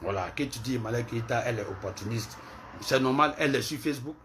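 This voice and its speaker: A man ranting in a commentary video, heated and repetitive, swinging between loud outbursts and low muttering. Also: fast, a little hiss or hum. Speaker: online commentator.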